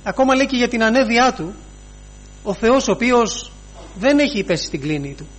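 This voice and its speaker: A man preaching a sermon, pausing often, repeating phrases and inserting "he says" as he retells scripture. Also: extremely high pitch, lively intonation, a bit bright.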